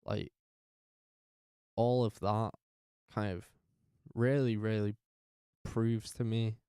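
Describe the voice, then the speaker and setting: Flat-voiced tired young man. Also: on the low side, clean tone, dry recording, studio quality. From North West England. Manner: halting, with many fillers and restarts. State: tired, up very early. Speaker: vlogger. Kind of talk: personal life story told to camera.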